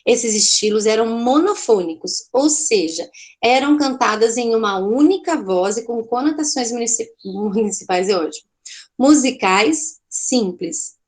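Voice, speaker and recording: A woman's voice: on the high side, animated, unhurried. A woman teaching an online art class, explaining in a chatty way with a Brazilian Portuguese accent, often checking in with her students and correcting herself.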